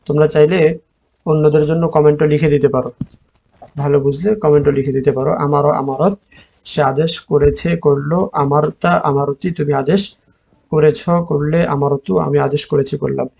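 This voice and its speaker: A man with a Bangladeshi Bengali accent teaching an online Arabic class, drilling word forms slowly and repeating them. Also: fairly high pitch, level tone, creaky, mellow, dull audio.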